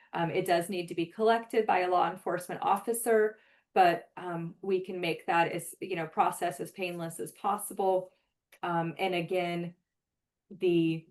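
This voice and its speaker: With a lowish, slightly mellow voice, a woman delivers a webinar presentation on behalf of a forensic database program. She explains things earnestly and conversationally, using lots of "um" fillers.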